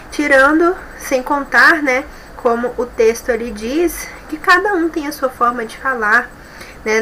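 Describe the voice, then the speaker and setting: A Brazilian woman teacher giving a recorded class lesson, reading from a textbook and explaining slowly, often tagging sentences with a questioning "né?". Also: high voice, pushed and bright, slight background noise, poor audio. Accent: Brazilian Portuguese. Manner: explains slowly with frequent "né?" tags.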